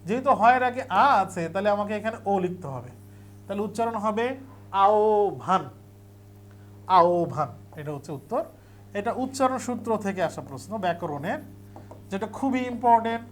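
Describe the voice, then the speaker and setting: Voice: mid-range voice, expressive, quick pace. A teacher giving an exam revision lecture, explaining step by step and repeating key points for emphasis.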